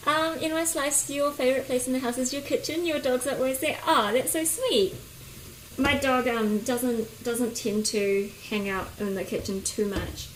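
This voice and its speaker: This high-voiced woman talks at normal speed in a broad New Zealand accent, greeting viewers informally as she runs a cooking livestream from her home kitchen. A phone placed slightly away picks up an echoey room with clear kitchen sounds, including a pan sizzling and something being stirred.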